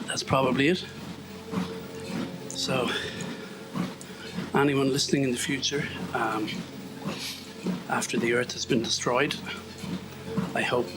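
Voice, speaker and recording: An Irish podcast host with a mid-range voice rambles to himself while walking on a treadmill at home, sniffling and throwing in self-deprecating jokes. Music plays beneath his voice, and there's a lot of background noise.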